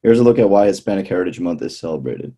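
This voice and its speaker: A man's voice: low voice, expressive, fast, mellow. A male student announcer reading a scripted segment steadily. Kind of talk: read announcement.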